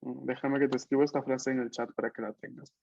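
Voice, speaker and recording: A male language teacher talks a class through grammar, explaining patiently and ending many phrases with a questioning "no?". His voice sits at a middle pitch. The call audio is dry and a little dull and lo-fi. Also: little pitch movement, quick pace, creaky, a little mellow, no room sound. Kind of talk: online Italian class taught in Spanish. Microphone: computer mic on a video call.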